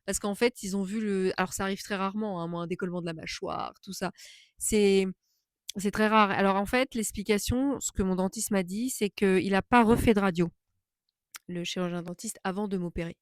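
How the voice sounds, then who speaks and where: A woman speaks casually, as if chatting to viewers in a storytime vlog, with a mid-range pitch and a dry, close sound. She is indignant and emphatic, and circles back to repeat phrases for stress. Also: steady tone, fairly quick, dry recording. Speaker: vlogger telling a personal story.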